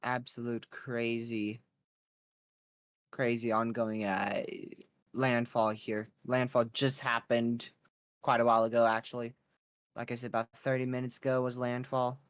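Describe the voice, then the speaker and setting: Male weather stream host, mid-pitched voice, casual and unscripted live storm updates. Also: little pitch movement, unhurried, clear, resonant tone.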